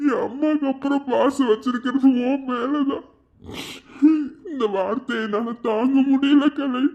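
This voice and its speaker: A man's voice: very high voice, unhurried, a little mellow, lo-fi sound. A man voicing a devoted, heartbroken young college man in a cartoon love story, pleading and near tears. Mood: anguished pleading.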